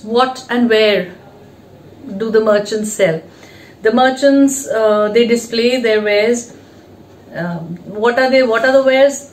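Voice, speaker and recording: Slow, patient woman teacher. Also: a little high. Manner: slow, explanatory, asks questions and answers them. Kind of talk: whiteboard revision lesson. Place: classroom with whiteboard, indoors. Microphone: fixed camera mic, moves toward and away from it. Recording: echoey room, faint background hiss.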